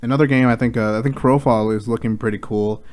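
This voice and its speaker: A man's voice: medium pitch, fast talker. A man co-hosting a casual gaming chat show, chatty and swearing freely, getting worked up as he talks. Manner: chatty, swears freely, rants with rising excitement. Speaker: co-host.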